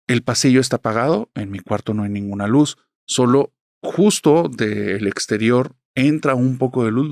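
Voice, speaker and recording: A man narrating a horror story, retelling it in a steady, intimate first-person voice. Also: mid-range voice, dry recording, clean studio sound.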